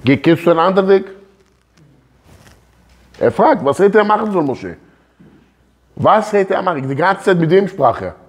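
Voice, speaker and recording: Man rabbi teaching a class: lively swings in pitch, husky edge, keeps quizzing the room. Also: normal speed, long pauses. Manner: animated, questions the listeners directly. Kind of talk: religious lesson.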